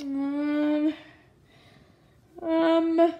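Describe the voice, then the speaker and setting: A woman play-acting a toy show, voicing its characters in excitable bursts that jump from voice to voice. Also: high voice, extremely slow, dull audio. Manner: excitable, jumps between voices. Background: background music.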